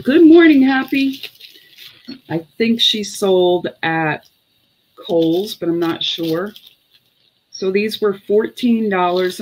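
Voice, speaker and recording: Slow-paced middle-aged woman selling live online. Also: lowish voice, slight background noise, low-quality recording. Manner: unhurried, chatty, counting and muttering to herself. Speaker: online live-sale seller. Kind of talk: casual live selling chat. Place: indoor room with clothes racks.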